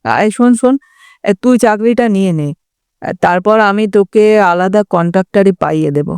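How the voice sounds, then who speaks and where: A woman's voice: medium pitch, moderate pace, darkish tone, smooth, no echo, studio quality, close to an everyday voice. A woman reading an audiobook, voicing a drunk, boastful young man who rambles and picks fights. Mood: rambling drunk. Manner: slurred, rambling, belligerent. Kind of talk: audiobook character voice.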